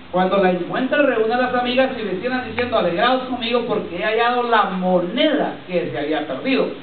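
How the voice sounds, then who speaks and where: A man's voice: high voice, echoey room, noisy background. A man preaching a sermon with a personal testimony, repeating himself and often addressing listeners as brother. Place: church congregation. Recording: tinny lo-fi church recording from far off. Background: congregation responses.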